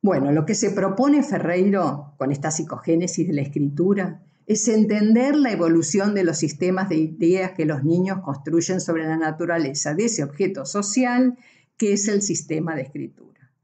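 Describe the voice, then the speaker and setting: A woman's voice: lowish voice, animated, normal speed, warm tone. A woman giving a university class, explaining patiently with frequent tag questions and self-corrections. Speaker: university lecturer. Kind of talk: recorded class lecture.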